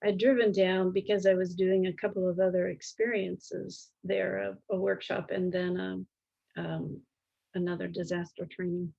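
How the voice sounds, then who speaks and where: A middle-aged or older woman speaking in a calm, gentle, reflective way in an interview, halting as she searches for words. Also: lowish voice, gravelly, highs cut off. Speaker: interview guest.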